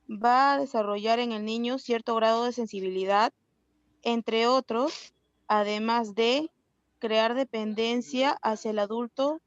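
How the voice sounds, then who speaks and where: A woman student reading a passage aloud slowly and carefully in class. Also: on the high side, no echo, highs cut off.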